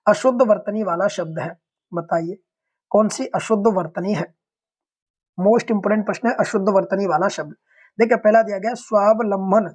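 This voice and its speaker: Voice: medium pitch, darkish tone, dull audio. A teacher giving an online exam-prep lesson, explaining each answer step by step, often repeating a word to check understanding and addressing viewers as friends.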